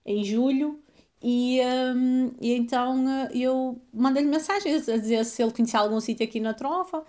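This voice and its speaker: A woman's voice: high voice, moderate pace, dark tone. A woman from Portugal with a European Portuguese accent, a deaconess telling her story in a chatty way as an interview guest. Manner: chatty storyteller, laughs easily. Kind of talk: casual interview.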